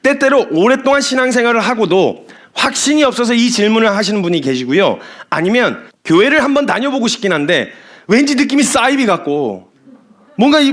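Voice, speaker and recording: A man preaching a sermon as a missionary, animated, laughing often and acting out the people he describes. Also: sits high.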